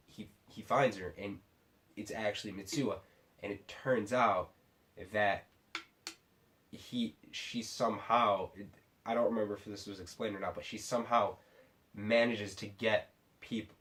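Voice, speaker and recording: Tipsy low-voiced man rambling through a review. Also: fairly bright tone. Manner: rambling, halting, repeatedly restarts sentences. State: tipsy from drinking sake. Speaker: film reviewer. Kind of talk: casual unscripted movie review.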